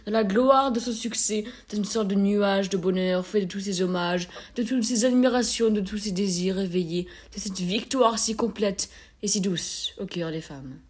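Brief: female narrator, measured and expressive, classic short story reading. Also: medium pitch, breathy edge.

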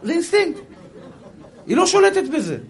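A middle-aged man from Israel delivers a rabbi's spoken lecture in a fairly high voice. He talks like a storyteller, repeats key lines for emphasis and slips into the voices of the people in his examples. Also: a faint crowd. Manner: animated storyteller who acts out quoted speech; repetitive, emphatic phrasing with frequent restarts. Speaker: rabbi giving a Torah lecture. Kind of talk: spoken religious lecture to an audience.

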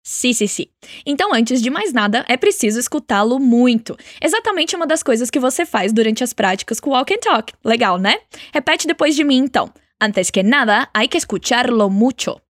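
A woman teaching a language lesson, encouraging and clear, slowing down to model phrases for the listener to repeat. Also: sits high, sing-song, no echo, studio quality. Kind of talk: spoken language lesson with repeat-after-me drills.

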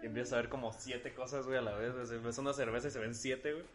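A man's voice: mid-range voice, steady tone, very fast. A young man with a Mexican accent telling a rowdy anecdote to friends in casual, slangy chat. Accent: Mexican Spanish. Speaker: storyteller among friends.

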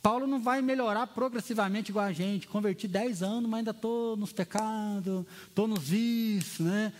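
A pastor, a man preaching a lively, storytelling sermon in a church hall. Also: high voice, normal speed. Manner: lively storytelling preacher who acts out quotes. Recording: long hall reverb.

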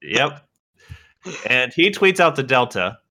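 A man's voice: mid-range voice, big pitch swings, takes it slowly, pushed and bright. A young man co-hosting a casual podcast, rambling with lots of fillers and laughing often. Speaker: podcast co-host. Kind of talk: casual chat.

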